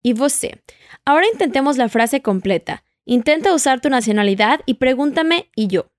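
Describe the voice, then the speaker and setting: With an animated delivery at moderate pace, a Portuguese teacher, a woman whose voice sits a little high, runs an audio language lesson and patiently prompts the listener to repeat after her. It's a dry recording, close, with no room around it.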